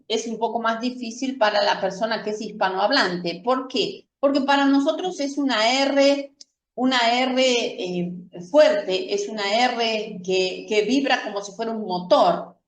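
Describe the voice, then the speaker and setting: A woman teaching a careful lesson, speaking slowly in a fairly high voice. She repeats example words patiently and keeps checking that her students follow. The mic sits some way off in a roomy, echoing space. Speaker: Spanish teacher. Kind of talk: slow, careful classroom explanation. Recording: echoey room from a distant mic.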